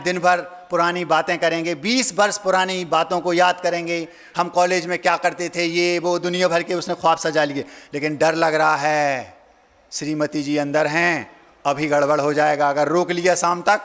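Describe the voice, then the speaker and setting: A man's voice: high-pitched, fairly bright tone. A man, a monk preacher, giving a folksy storytelling sermon, acting out family voices and asking his listeners questions. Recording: hall reverb.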